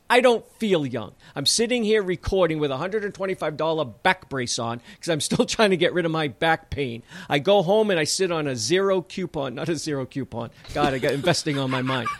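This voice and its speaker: Emphatic high-voiced man in his fifties. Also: no room sound. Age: 50s. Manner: blunt, emphatic, keeps addressing listeners as folks. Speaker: podcast host. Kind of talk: casual podcast monologue.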